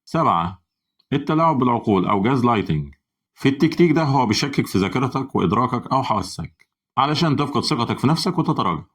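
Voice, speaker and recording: Brisk, even and instructive, this scripted psychology-channel narration comes from a man with an Egyptian Arabic accent. His voice is husky and medium in pitch.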